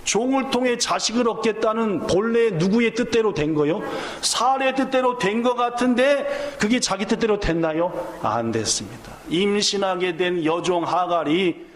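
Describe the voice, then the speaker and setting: A man's voice: sits high, lively intonation, normal speed, hardly any pauses, reverberant. A male pastor preaching a sermon, firing questions at the congregation and acting out the lines of the story. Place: church sanctuary.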